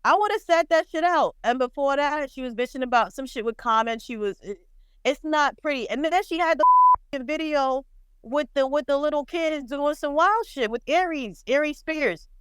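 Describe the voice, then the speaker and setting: A woman co-hosting a podcast, chatting bluntly and profanely about celebrity gossip with lively storytelling. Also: sits high, normal speed, dry recording. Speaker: podcast co-host. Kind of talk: casual pop-culture chat.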